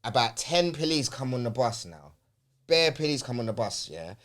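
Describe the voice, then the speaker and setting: A man's voice: medium pitch, big pitch swings, normal speed, fairly bright tone. A man telling a story in casual, slangy chat. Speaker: podcast host.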